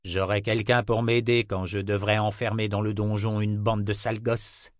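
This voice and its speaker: A man voicing a firm, gruff but kind adult male guardian in an audiobook, speaking matter-of-factly. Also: on the low side, little pitch movement, normal speed, no room sound, clean studio sound, lightly acted. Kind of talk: audiobook character reading.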